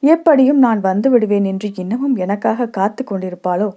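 Mellow-voiced woman reading a story. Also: mid-range voice, fairly quick, lo-fi sound. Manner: soft, reflective storytelling. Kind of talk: reading a short story aloud.

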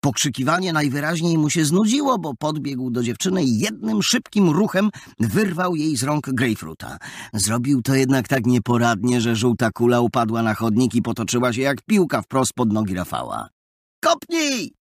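A man narrating an audiobook in a lively, expressive storytelling manner, close to the mic. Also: mid-range voice, moderate pace, husky, no echo. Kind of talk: scripted narration.

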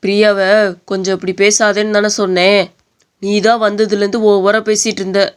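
A patient young husband in a cartoon story, played by a woman, coaxing and soothing in a flat, even line. The tone is clear and smooth, at a middle pitch. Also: moderate pace, close to an everyday voice. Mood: exasperated. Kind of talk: animated story dub.

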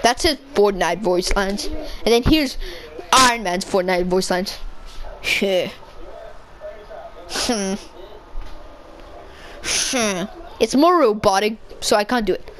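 A woman giving casual, chatty commentary over her gameplay, excitable and constantly correcting herself mid-sentence. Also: mid-range voice, slow, long pauses, poor audio. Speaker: gaming video creator.

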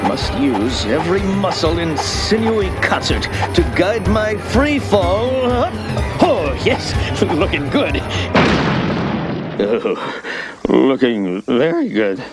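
A man playing a huge, pompous, dim-witted cartoon superhero who declaims everything theatrically in a booming voice. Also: sing-song, slow. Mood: blithely confident. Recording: loud music and noise behind.

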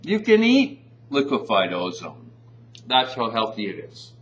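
Middle-aged male spokesman, playful and animated demo patter, lo-fi sound. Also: mid-range voice, unhurried. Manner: jokey, animated, talks with mouth full at times. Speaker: company spokesman. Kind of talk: playful sales demo talk. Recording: dull lo-fi sound with faint hum.

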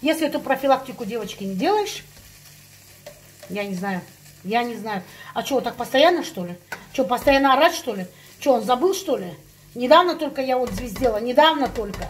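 A woman's voice: a little high, lively intonation, fairly quick, a little hiss or hum. A woman ranting in a casual chat to her viewers, heated and emphatic, repeating herself for effect. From Russian-speaking, living in Spain. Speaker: vlogger.

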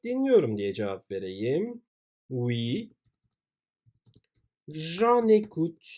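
Lively-pitched man teaching slowly. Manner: reads French examples slowly, then explains them. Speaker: French teacher. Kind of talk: grammar lesson with worked exercises.

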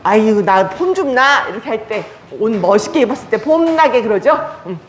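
A woman's voice: on the high side, very animated, brisk. A woman instructor leading older adults in a clapping and cheering exercise, calling out chants and cues in a cheerful, coaxing manner. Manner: cheerful chants and cues, talks down to elders warmly. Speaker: senior recreation instructor. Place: day care center activity room. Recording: echoey room, faint noise.

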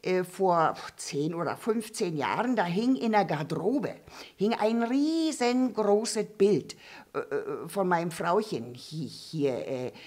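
On a dark theatre stage, a woman voices a gossipy old female puppet who rambles, stammers and keeps restarting her sentences, full of fillers. Her voice is lowish and darkish in tone, with lively intonation and a slow pace.

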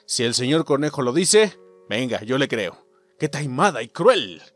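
A man with a Mexican accent commentating a video game as host, excitable and swearing, shouting at the game. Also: mid-range voice, a little slow, soft background music. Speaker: gaming channel host. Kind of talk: let's play commentary.

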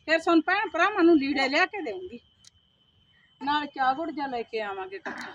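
A woman's voice: high voice, a little fast, fairly bright tone, muffled recording, a little hiss or hum. A woman acting a poor village woman who pleads and complains in a family drama. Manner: pleading, plaintive.

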